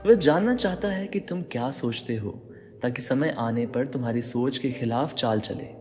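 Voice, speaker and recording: A man's voice: medium pitch, expressive, moderate pace, darkish tone. A man giving dramatic motivational narration, speaking straight to the listener with rhetorical questions. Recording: long reverb with faint background music.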